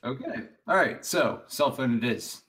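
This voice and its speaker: A man's voice: medium pitch, animated, a little slow, fairly bright tone. A man playing a tabletop roleplaying game, carefully talking through plans with the group. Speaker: player. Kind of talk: casual tabletop chat.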